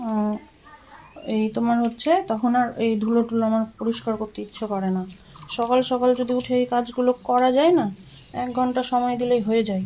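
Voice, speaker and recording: A woman from Bengal talks to her viewers while she does chores around the house, in a casual, chatty way. Her voice sits a little high. It is recorded on a phone indoors, with a steady hum running behind her. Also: poor audio. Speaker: vlogger. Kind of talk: casual home vlog chat. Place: home, indoors.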